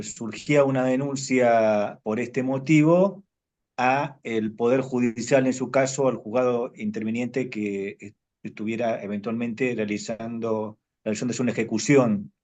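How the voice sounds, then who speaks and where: A man asks a question in a class. His speech is halting, with many fillers and restarts. His pitch is ordinary. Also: a little mellow. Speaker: course participant.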